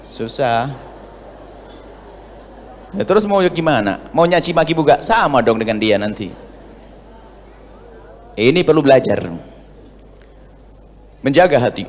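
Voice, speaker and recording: A male preacher, giving a sermon to a gathering, swinging between loud emphasis and hushed asides. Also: mid-range voice, lively intonation, unhurried, pauses often, slight background noise. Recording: long hall reverb.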